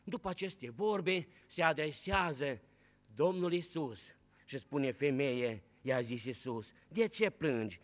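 A man preaching a fervent sermon, swinging between loud declarations and hushed storytelling. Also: a little high. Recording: long hall reverb.

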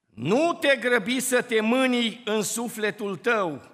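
Male preacher, high lively voice, church hall reverb. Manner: impassioned, rising and dropping sharply for emphasis. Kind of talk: sermon.

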